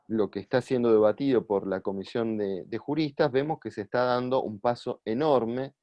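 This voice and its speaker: A man giving a measured, explanatory talk, often pausing on "eh" and repeating words. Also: medium pitch, darkish tone, dry recording. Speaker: guest speaker on judicial reform. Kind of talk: lecture-style explanation. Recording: dull lo-fi, dry sound.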